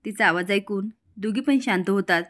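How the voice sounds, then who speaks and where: A woman's voice: mid-range voice, moderate pace, a bit bright. Woman retelling a serial episode. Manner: plain storytelling, acting out each figure. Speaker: narrator.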